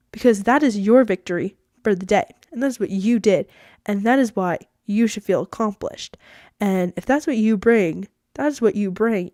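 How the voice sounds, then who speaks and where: With a medium-pitched, slightly mellow voice, a teen podcast host delivers a casual solo monologue, rambling and self-deprecating and saying "like" a lot. The sound is clean studio audio without echo.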